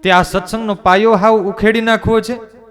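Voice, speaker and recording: A man acting out an ailing, commanding holy man who scolds his followers in a raised, forceful voice. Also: a little high, fairly quick, soft background music, voice pushed up, natural voice. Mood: scolding.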